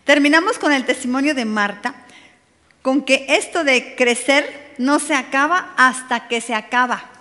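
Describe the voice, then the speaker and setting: Woman, conversational sermon, fairly high voice, long hall reverb. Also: a little slow, bright, forceful tone. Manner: conversational, addresses the audience directly with playful asides. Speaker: preacher at a women's meeting. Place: church meeting hall.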